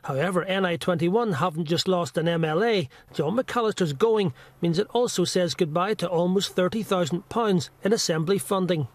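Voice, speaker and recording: A man's voice: sits high, normal speed, hardly any pauses. A man narrating a scripted political news report.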